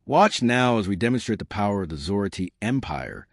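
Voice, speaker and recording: A man's voice: lowish voice, sing-song, a little fast, dry recording, clean studio sound. A man voicing a ruthless, contemptuous alien male war leader in a narrated sci-fi story. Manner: scornful, commanding.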